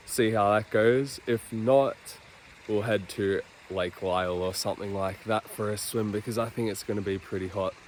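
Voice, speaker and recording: A man's voice: lowish voice, slight background noise. An Australian man chatting casually to camera outdoors on a camping trip, easygoing and rambling with loose, trailing sentences. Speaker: vlogger on a four-wheel-drive camping trip. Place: outdoors in the bush.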